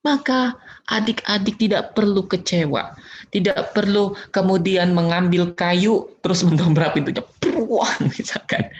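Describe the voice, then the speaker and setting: A man's voice: sits high, normal speed, slight background noise. A man telling a playful story lesson to children, acting out knocks and sounds with little chuckles. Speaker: children's religious teacher. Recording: dull lo-fi recording.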